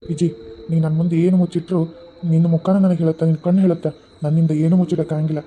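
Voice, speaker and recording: A man's voice: a little high, flat delivery, racing, dark tone, slight background noise, close to an everyday voice, low-quality recording. A man with a North Karnataka accent voicing a doting, playful young husband in a cartoon who teases affectionately. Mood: coaxing. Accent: North Karnataka Kannada. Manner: teasing, affectionate. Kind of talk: cartoon voice acting.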